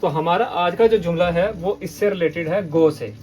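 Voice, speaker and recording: A man's voice: high-pitched, normal speed, darkish tone, dull audio, faint music behind. A man from Pakistan teaching a language lesson, repeating words and often checking in with the listener. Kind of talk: patient classroom lesson.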